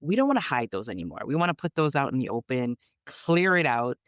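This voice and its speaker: Fast and full of big pitch swings, this rumbling low female voice belongs to a Canadian storyteller guesting on a podcast. She's emphatic and reflective in the conversational chat, and the recording is dry with clean studio sound.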